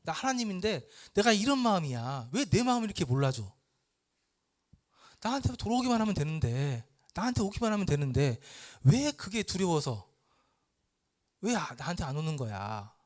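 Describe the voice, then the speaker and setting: A man's voice: sits high, sing-song, moderate pace, darkish tone. A man voicing God as a pleading, yearning father who asks reproachful questions.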